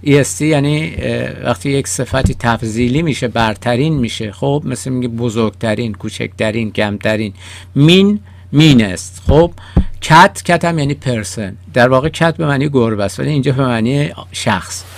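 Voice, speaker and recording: Gravelly-voiced man teaching song lyrics. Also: medium pitch. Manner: explains slowly, repeats lyrics word by word. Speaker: English teacher. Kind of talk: song-based language lesson.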